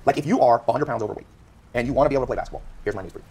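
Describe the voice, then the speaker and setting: A man's voice: mid-range voice, racing, darkish tone, a little hiss or hum. A man from California, a podcast guest telling motivational stories with emphasis and acting out the people he quotes. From United States (California). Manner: emphatic, acts out quoted voices. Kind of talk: animated motivational storytelling.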